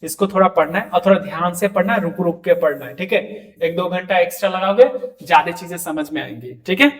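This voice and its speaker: A man teaching French pronunciation in an online lesson, repeating each word slowly and checking in often. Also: high-pitched, a bit bright, echoey room. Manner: repeats words slowly, frequent "ठीक है".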